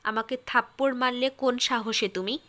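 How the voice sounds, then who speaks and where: A woman's voice: on the high side, steady tone, moderate pace, pushed and bright. A woman voicing an arrogant, hot-tempered young male student who speaks angrily through gritted teeth. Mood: angry.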